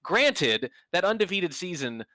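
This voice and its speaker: A male esports co-caster with a bright, pushing tone and a dry, close-miked sound. He talks in a chatty, sarcastic way, cracking jokes between points of analysis. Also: high-pitched, very animated, a little slow, no echo. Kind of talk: esports commentary.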